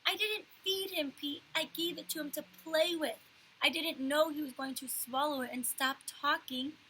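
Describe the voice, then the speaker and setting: A woman voicing a small, whiny, excitable boy who talks through sobs, high and drawn out. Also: measured pace, slight background noise, low-quality recording. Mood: upset.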